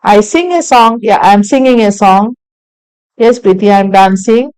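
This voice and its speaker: Teacher, woman; very slow repeat-after-me delivery, dry close sound. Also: medium pitch, a little mellow, smooth, dry recording, rough recording. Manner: reads sentences slowly for students to repeat; mixes English sentences with Hindi translations. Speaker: English teacher. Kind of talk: slow spoken English lesson.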